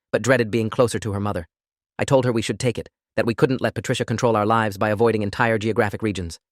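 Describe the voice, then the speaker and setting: A man narrating a scripted first-person story in a steady, even reading voice. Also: mid-range voice, dry recording, studio quality.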